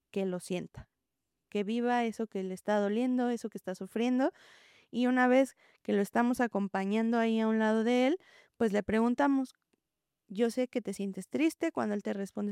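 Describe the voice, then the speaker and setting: A woman, a preschool teacher, explaining gently in an interview and acting out what children and teachers say. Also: a little high, clear, resonant tone, dry recording, clean studio sound. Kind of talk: interview answer, calm explaining.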